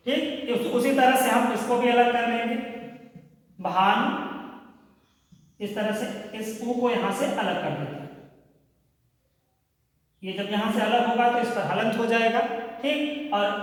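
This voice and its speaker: A man teaching a grammar lesson, explaining step by step, often pausing with "okay" and asking his pupils questions. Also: very high-pitched. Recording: echoey room from far off.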